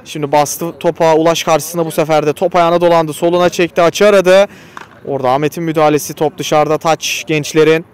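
A man's voice: on the high side, brisk, clear, resonant tone. A man giving live football play-by-play in short, clipped phrases naming players, raising his voice for shots and goals. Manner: raises voice excitedly at shots and goals. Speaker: football commentator.

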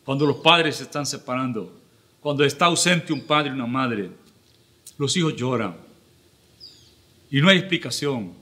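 A middle-aged man, preaching an earnest, measured sermon with pauses as pastor. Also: mid-range voice, expressive, sharp tone. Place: church livestream.

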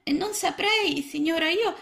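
A woman voicing a small, timid young boy frog who is fussy about staying clean, in a high, childlike, plaintive voice. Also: a little slow, gravelly, fairly bright tone, exaggerated voice. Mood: timid pleading.

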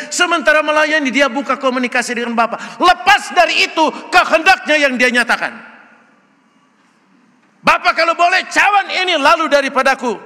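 An older male pastor preaching a sermon in a church, loud and joking, often asking the congregation questions. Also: very high voice. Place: church sanctuary. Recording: long church hall reverb.

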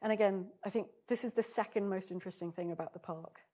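A woman's voice: medium pitch, quick pace, mellow, slightly rough. A woman lecturer gives an academic seminar talk, mostly reading from a prepared script and breaking off now and then to correct small slips. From United Kingdom.

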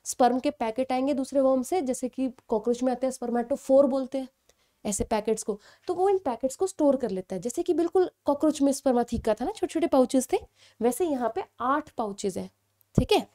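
A young woman delivers an exam-prep biology lecture in a fairly high, mellow voice. She explains step by step, poses questions to her students and checks in with them often. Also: expressive, brisk. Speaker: biology teacher.

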